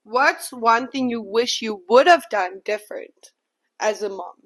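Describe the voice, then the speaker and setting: Woman, 20s, podcast host, teasing, playful, casual chat, slightly high. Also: unhurried, a bit bright.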